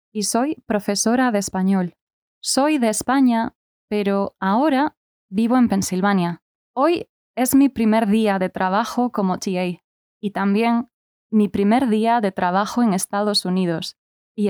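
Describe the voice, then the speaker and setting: A woman's voice: medium pitch, a little mellow. A woman in her twenties from Spain with a Spanish-from-Spain accent, narrating a scripted learner story as a new teacher. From Spain (Galicia). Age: 20s. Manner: slow, clear, carefully spoken.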